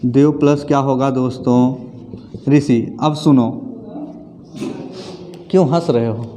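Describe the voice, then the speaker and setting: A man's voice: medium pitch, fairly even intonation, slow pace, dark tone, a little hiss or hum. A male teacher, leading a classroom grammar lesson, asking questions, then repeating the answers aloud. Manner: calls students friends and sister, asks and repeats answers.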